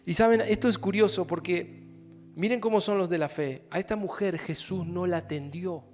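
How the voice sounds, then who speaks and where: A man with an Argentine Spanish accent preaching a sermon at a church service, swinging between shouting and hushed tones. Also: high voice, moderate pace, faint music behind. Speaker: pastor.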